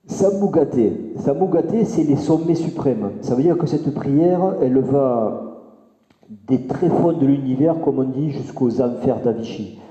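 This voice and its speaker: Man teaching a mantra, dark voice. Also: mid-range voice. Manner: gentle, repeats himself, many restarts. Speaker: Buddhist meditation teacher. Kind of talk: spoken teaching with mantra recitation. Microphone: microphone. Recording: roomy, long reverb, dull sound.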